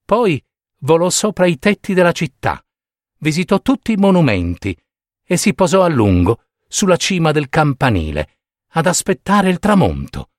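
A man narrating a fairy tale in an expressive, unhurried storybook style. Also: a little high, no echo, clean studio sound.

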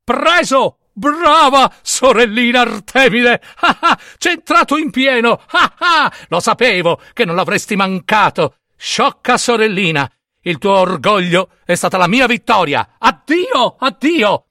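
A man's voice: high-pitched, very animated, a little slow, sharp tone, dry recording, studio quality, voice pushed up, exaggerated voice. A man voicing a sly, mocking young sun god who teases and taunts his sister. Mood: gloating triumph. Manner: teasing, gloating.

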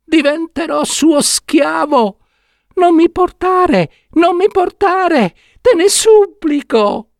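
A tiny, thin-voiced enchanted prince. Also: male voice, very high-pitched, animated, slow, vocal fry, no echo, clean studio sound, voice pushed up, full character voice. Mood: pleading. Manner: begging, repeating his plea. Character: tiny enchanted young prince trapped in a box, pleading.

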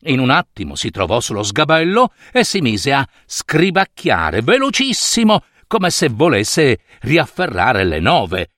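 A man narrating a story in a theatrical, expressive way. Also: medium pitch, measured pace, hardly any pauses, no room sound, clean studio sound.

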